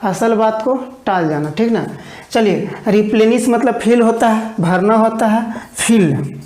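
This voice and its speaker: A woman whose voice is a little high and a little mellow goes through English vocabulary for an online exam-prep class. Every word is explained and then dictated slowly with repetitions, in a reverberant recording.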